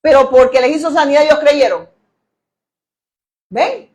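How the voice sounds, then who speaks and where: A woman's voice: sits high, unhurried, darkish tone. A woman preaching a sermon, emphatic, asking the congregation questions and acting out quoted voices.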